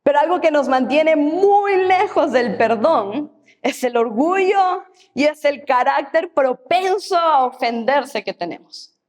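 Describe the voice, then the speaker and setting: A woman's voice: high voice, a little mellow. A woman pastor, preaching a sermon in church and repeating key phrases for emphasis.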